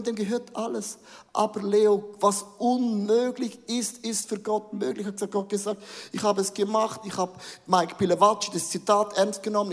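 A man with a notably high voice preaches a sermon, his words trailing off into the long reverb of a large hall. He is middle-aged and talks with lively animation, slipping English words into his phrasing.

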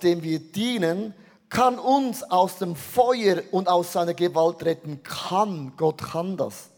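Pastor guy, middle-aged, really high voice, punchy sermon, throws in english words. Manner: energetic, mixes English phrases into German.

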